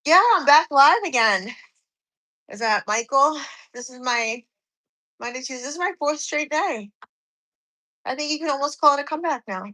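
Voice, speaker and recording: A woman's voice: sits high, moderate pace, long pauses, pushed and bright, low-quality recording. A woman in her forties, slightly out of breath from cardio, chatting on a live stream and reading viewers' comments aloud. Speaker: fitness streamer.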